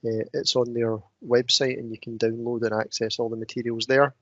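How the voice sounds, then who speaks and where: A man giving a relaxed, hesitant webinar presentation with many fillers, heard over a video call. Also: mid-range voice, fairly quick, no echo. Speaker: project lead presenting a schools program. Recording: dull, dry video call audio.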